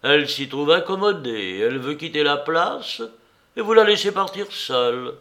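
A man voicing a severe police commissioner who questions a suspect sharply and loudly. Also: on the high side, lively intonation, measured pace. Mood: mocking. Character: stern, probing male police commissioner.

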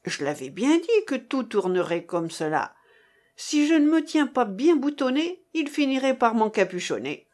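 A woman reading the part of a gruff old male lieutenant, a sailor and soldier who swears and blusters with soldierly bravado. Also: sits high, big pitch swings, normal speed, a little mellow, voice pushed up. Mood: grumbling.

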